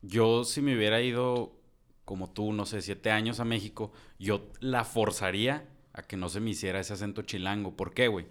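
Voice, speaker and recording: A young man with a low voice, co-hosting a casual podcast. He chats in a relaxed, slangy way among friends. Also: moderate pace.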